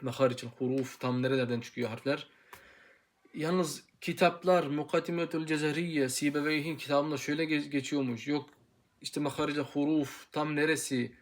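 A young man in his twenties teaching Quran pronunciation in an informal video lesson, drilling syllables aloud, earnest and full of hesitant pauses. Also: on the high side, steady tone. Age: 20s. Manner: hesitant with many pauses and fillers.

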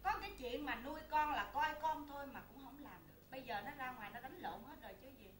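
A woman playing a sharp-tongued wife and mother of many in a comedy sketch, talking back at her husband. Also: high voice, close to an everyday voice. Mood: mocking. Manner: brash, talks back fast. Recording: echoey room.

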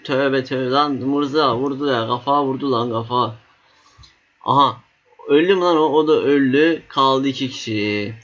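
A young man giving excited, swear-laden commentary while playing a battle simulator game, cheering on his units. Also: medium pitch. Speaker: gaming YouTuber. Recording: slightly dull lo-fi mic.

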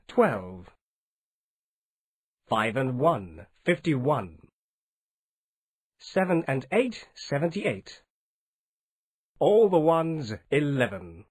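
A man calls bingo numbers very slowly in clipped, scripted phrases. His voice is fairly high and slightly husky, with a swinging intonation from one phrase to the next. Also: dry recording, clean studio sound. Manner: clipped, formulaic announcing in short separate phrases. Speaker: bingo caller.

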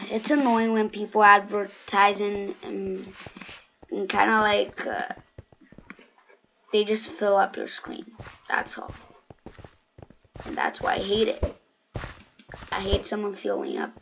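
A woman's voice: medium pitch, little pitch movement, slow, vocal fry, pauses often, a bit bright, slight background noise. A woman hosting a gaming channel, giving casual gameplay commentary with sarcastic, grumbling asides.

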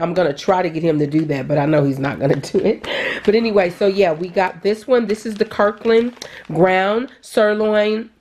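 Chatty middle-aged woman, low voice. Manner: chatty, excited, addresses viewers as "you guys". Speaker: vlogger. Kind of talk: casual shopping vlog and haul. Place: store aisles, then at home.

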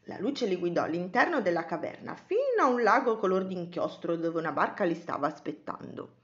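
A woman narrating and dramatizing a children's picture story with an animated, expressive delivery. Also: fairly low pitch, a little fast, dull audio.

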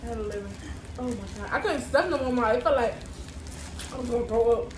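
A woman's voice: on the high side, quick pace. A young adult woman chatting casually as she hosts a challenge video, recorded by a camera in an echoey, noisy living room. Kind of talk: casual chat. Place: living room sofa, indoors. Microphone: camera a short distance away.

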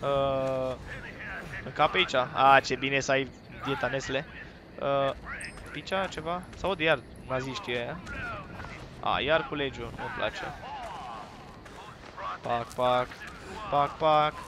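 A young man from Romania commentating a horror game he is playing, with crude jokes and sudden loud yells at the screen. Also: medium pitch, fairly even intonation, long pauses, background noise. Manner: crude joking banter, bursts into loud yelling at the game. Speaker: gaming YouTuber.

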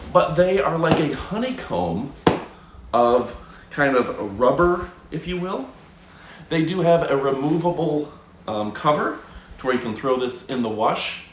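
Upbeat man pitching products to viewers. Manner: upbeat salesy pitch, addresses viewers as folks. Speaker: product reviewer. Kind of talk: live product review. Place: home studio room. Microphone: fixed camera, moves around the room. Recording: roomy home studio echo, faint noise.

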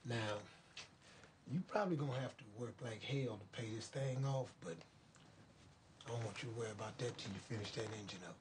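A man's voice: mid-range voice, fairly quick, noisy background, natural voice. A middle-aged actor with an American accent playing a proud, plain-spoken father in a film drama. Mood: firm, encouraging. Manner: plain-spoken, heartfelt, colloquial. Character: earnest, proud father counseling his teenage son. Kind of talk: naturalistic film drama acting.

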